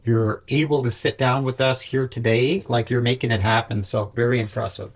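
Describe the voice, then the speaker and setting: A man's voice: medium pitch, fairly even intonation, normal speed. A man hosting a casual conversational interview, speaking informally and encouragingly. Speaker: podcast host.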